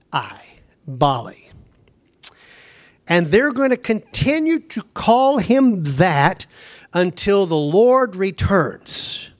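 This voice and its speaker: A pastor preaching a conversational sermon, slowing down to stress words and then rushing ahead. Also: male voice, high voice. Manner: conversational preaching, speeds up and slows down for emphasis.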